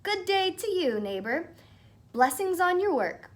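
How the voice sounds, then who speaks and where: A woman's voice: extremely high pitch, very animated, a little slow, pitched above the performer's own voice, full character voice. A woman voicing a cocky, clever young man in a storybook, with a bold, confident manner. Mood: sweetly polite.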